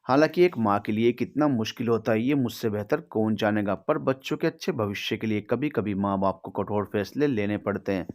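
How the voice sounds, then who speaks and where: A man with a fairly low voice voicing a stern but loving middle-aged mother in a read-aloud story, speaking earnestly and with some pleading. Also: brisk, few pauses, darkish tone, lightly acted. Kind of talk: storybook reading.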